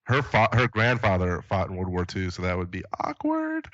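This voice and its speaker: A man co-hosting a casual podcast, joking in a deadpan way. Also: low voice, moderate pace, dry recording, highs cut off. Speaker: podcast co-host.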